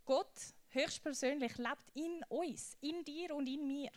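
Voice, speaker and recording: A young woman preaches to a youth group in a casual, slangy style. Her voice sits a little high, and she tells her stories with lively energy. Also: takes it slowly.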